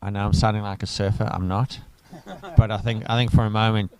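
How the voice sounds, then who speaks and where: A man's voice: lowish voice, flat delivery, a little fast, darkish tone, rough recording. A man from Africa, giving chatty live cricket commentary full of enthusiastic asides. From South Africa.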